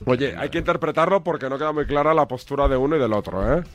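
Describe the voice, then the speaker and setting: A man's voice: medium pitch, fast, faint music behind. A man hosting a radio show, chatting casually and teasing his co-host about old clips. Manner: laughing, teasing banter.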